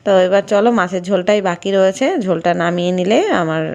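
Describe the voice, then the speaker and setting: A woman's voice: fairly low pitch, steady tone, quick pace, a little mellow, muffled recording. A middle-aged woman chatting casually in a home vlog, rambling with many fillers, recorded on a phone camera at home. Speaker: vlogger. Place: home kitchen and bedroom.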